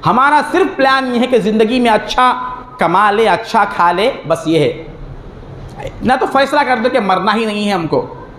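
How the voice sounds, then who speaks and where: Male preacher, very high voice, exhorting with rhetorical questions; echoey mosque hall, faint noise. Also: animated, normal speed, fairly bright tone. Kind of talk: religious sermon.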